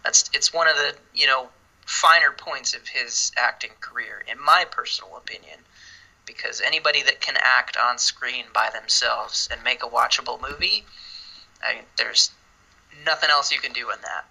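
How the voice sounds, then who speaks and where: A man chats about movies on a podcast with a very bright, sharp tone. He rambles through his points and slips into muttered asides under his breath. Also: mid-range voice, normal speed, vocal fry, low-quality recording. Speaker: podcast co-host. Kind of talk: casual movie chat.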